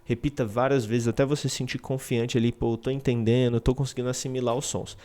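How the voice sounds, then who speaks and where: A man gives a relaxed spoken lesson in a mid-range voice. He talks conversationally, checks in with the listener often, and restarts his phrases as he goes. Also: mid-range voice. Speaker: English teacher.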